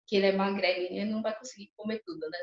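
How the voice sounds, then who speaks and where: A woman's voice: mid-range voice, steady tone, rapid-fire. A young woman gives a personal testimony at a church couples' course. She tells her story with emotion and often turns to her listeners. The hall echoes noticeably, and the recording sounds a little dull and muffled.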